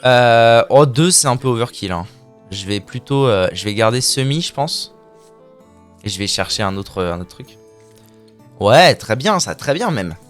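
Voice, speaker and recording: A man's voice: medium pitch, animated, a little slow, soft background music. A man streaming a card game live, narrating his plays with playful, crude trash talk and silly mouth sound effects. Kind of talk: live gameplay commentary.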